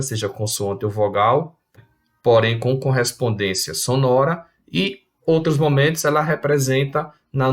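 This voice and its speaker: Male teacher, mid-range voice, patient explanatory lesson delivery with small restarts. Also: medium pitch. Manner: explanatory, many restarts and fillers. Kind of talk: video lesson.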